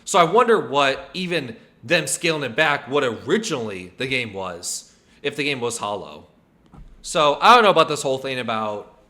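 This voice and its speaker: A man's voice: medium pitch, pushed and bright. A man commenting casually on a live stream, rambling and hedging with lots of fillers. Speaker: streamer reacting to a video.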